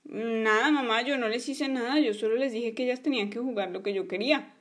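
A woman's voice: a little high, brisk, fairly bright tone, lightly acted. A woman voicing a bossy, stubborn young boy in a toy play story, whiny in manner.

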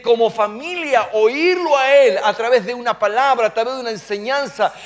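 A man preaches to his congregation in a strikingly high-pitched voice. He asks the crowd to repeat after him and stand up. He acts out short dialogues as he tells his stories. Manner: preaching with call-and-response to the congregation. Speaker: pastor. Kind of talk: sermon. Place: church sanctuary.

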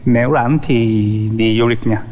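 A man from Japan with a Japanese accent, speaking halting, broken Vietnamese as a dating show contestant, slow and searching for words. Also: medium pitch, fairly even intonation, a little mellow, long reverb tail, a little hiss or hum.

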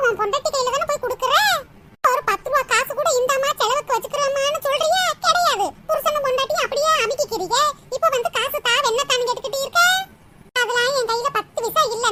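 A woman voicing a scheming older mother-in-law in a cartoon, with a Kanyakumari Tamil accent and a sharp, scolding way of talking. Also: very high voice, slight background noise. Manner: scolding, sharp-tongued, doting to her daughter. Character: older scheming mother-in-law who favours her daughter. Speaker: cartoon voice actor. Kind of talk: comic cartoon voice acting.

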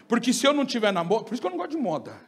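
A Brazilian pastor preaching a fiery sermon at a church congress, breaking into shouted bursts and acting out the voices he quotes. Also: very high voice, sing-song, rapid-fire, breathy edge.

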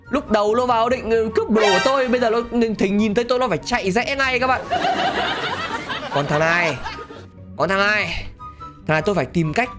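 A man giving excitable gameplay commentary, laughing often and talking straight to his viewers. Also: very high voice. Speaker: gaming channel host.

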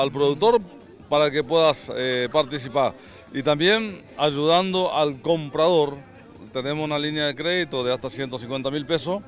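A middle-aged man giving interview remarks as an official, halting as he searches for words, outdoors on a handheld microphone. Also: medium pitch. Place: outdoors by cattle pens. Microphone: handheld reporter microphone.

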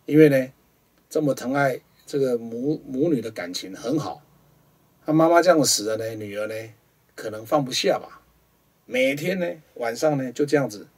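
A man with a Taiwanese Mandarin accent, hosting a studio show and telling a ghost story dramatically, jumping between loud rhetorical questions and hushed asides. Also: medium pitch, normal speed, husky, recorded from a distance.

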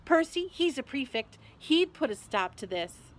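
A woman voicing a bossy, indignant schoolgirl in a storybook, shrill, prim and insistent. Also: lively intonation, fairly quick, fairly bright tone. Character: bossy, indignant schoolgirl scolding her classmates. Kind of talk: audiobook-style character voice.

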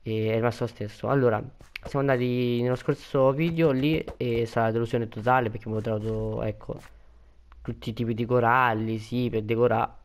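A man's voice: mid-range voice, fairly even intonation, brisk. Chatty young man commenting on gameplay. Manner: chatty, bursts into panicked repeated pleading. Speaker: gaming video creator.

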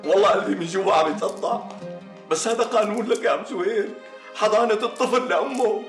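Brief: a higher-voiced Syrian grandfather, consoling, recorded echoey and distant. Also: quick pace, soft background music. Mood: soothing. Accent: Syrian Arabic. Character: gentle grandfather, soothing his wife.

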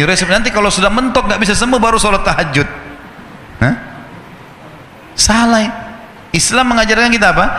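A male preacher telling a story in a sermon, animated and speaking straight to his listeners. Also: high-pitched, a little hiss or hum. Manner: animated, addresses listeners directly. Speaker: Islamic preacher. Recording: echoey hall with faint ambience.

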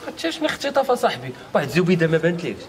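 A young man with a Moroccan accent, answering back quickly and defensively. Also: a little high, wildly swooping pitch, vocal fry, crowd noise, background noise, exaggerated voice.

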